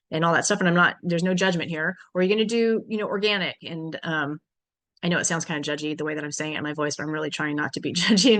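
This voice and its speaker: A woman's voice: fairly low pitch, fairly bright tone. A woman teaching a farm business workshop in a frank, chatty way, with many fillers and restarts. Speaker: workshop instructor. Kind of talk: conversational farm business lesson.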